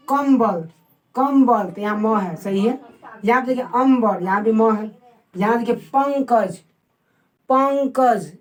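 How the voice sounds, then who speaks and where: A woman teaching a casual online lesson, asking the viewers questions and repeating words slowly to sound them out. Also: a little high, a little mellow, low-quality recording. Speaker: Hindi teacher.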